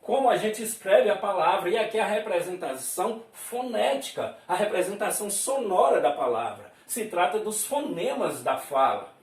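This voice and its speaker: A man from Brazil teaches a lesson, spelling out sounds slowly and chuckling as he explains. His voice sits high and moves animatedly up and down. He is heard from a distance in a roomy space. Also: very animated. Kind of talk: classroom lesson at a board.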